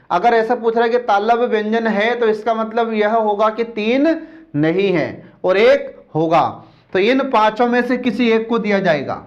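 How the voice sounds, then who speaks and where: A man with a high voice teaches an exam-prep lecture, steadily asking questions and answering them himself. He repeats key terms slowly so students can memorize them. The recording sounds dull and lo-fi. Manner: drills points by asking and answering his own questions.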